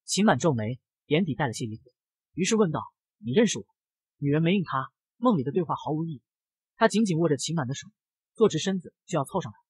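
A man telling a comic story in brisk narration. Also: fairly high pitch, lively intonation, slightly rough, no echo.

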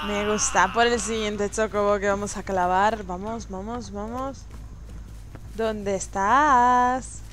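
A woman's voice: medium pitch, fairly even intonation, moderate pace, hardly any pauses. A young woman with a Spanish accent from Spain, streaming a game and teasing the other players with playful taunts and laughter. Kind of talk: live gameplay commentary. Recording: noisy stream audio.

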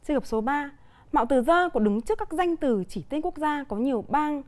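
Vietnamese-accented woman teacher, bright high register, patient televised lesson delivery. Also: expressive. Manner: clear, deliberate explaining with examples. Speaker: English teacher.

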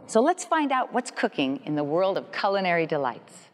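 A woman hosting a lifestyle television show with a bright, scripted delivery. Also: on the low side, sing-song, moderate pace, a little hiss or hum. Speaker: host.

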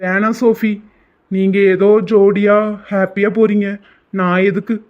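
A woman's voice: mid-range voice, flat delivery, a little slow, lo-fi sound, pitched below the performer's own voice, lightly acted. A woman voicing a reluctant, pleading young man in a cartoon story.

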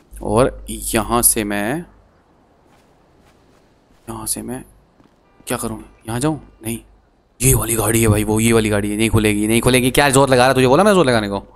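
A man giving chatty, excitable gameplay commentary as a gaming streamer, talking to his viewers. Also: mid-range voice.

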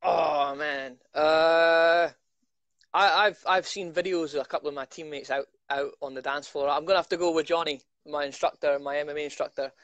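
A young man, an MMA fighter answering quick questions on a video call, chatty and self-mocking with many restarts. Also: fairly high pitch, steady tone, a bit bright, no room sound, lo-fi sound. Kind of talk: casual video-call interview. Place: living room at home.

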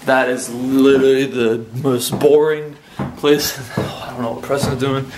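A man's voice: medium pitch, little pitch movement, measured pace, noisy background. A young man vlogging on vacation, giving a laid-back, joking tour of a beach hotel room on a handheld camera. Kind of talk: casual vacation vlog.

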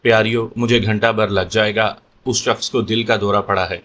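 A man's voice: lowish voice, steady tone, fairly bright tone, close to an everyday voice. A man reading a jovial teasing doctor. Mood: brisk. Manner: amused, easygoing. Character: teasing middle-aged male doctor, jovial.

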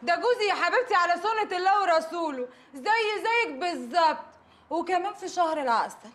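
An actress playing a cheeky newly married second wife, speaking with an Egyptian accent. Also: female voice, very high-pitched, lively intonation, brisk, a bit bright. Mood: sassy. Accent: Egyptian Arabic. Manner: sassy, taunting. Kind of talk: Egyptian TV comedy acting.

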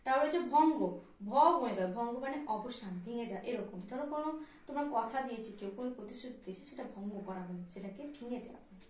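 Patient Bengali teacher in an echoey room. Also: female voice, fairly high pitch, a little mellow, recorded from a distance, a little hiss or hum. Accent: Bengali (West Bengal). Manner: slow, patient, spelling words out letter by letter and often checking "all right?". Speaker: primary school teacher. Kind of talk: recorded class lesson.

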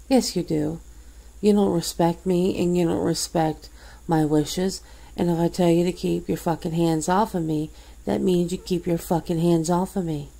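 Casting: actress as a bitter woman dumping a bad friend in ASMR role-play, scornful, mellow and gravelly. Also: fairly low pitch, poor audio. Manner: scornful, berating, swearing. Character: fed-up woman coldly cutting off a bad friend. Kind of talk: ASMR role-play, one-sided confrontation.

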